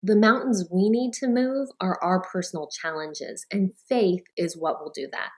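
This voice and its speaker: A woman's voice: mid-range voice, normal speed. A woman coach in her thirties telling a personal story to an audience of mothers, acting out her own thoughts along the way. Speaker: life coach. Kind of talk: talk to an audience of moms.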